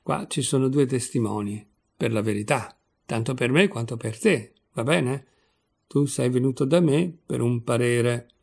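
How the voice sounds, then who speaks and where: A man's voice: mid-range voice, measured pace, gravelly, slightly rough. A man doing an old pompous lawyer. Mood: smug lecturing. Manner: calm lecturing tone, calls others "my son". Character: old male lawyer, placid, pompous and stingy.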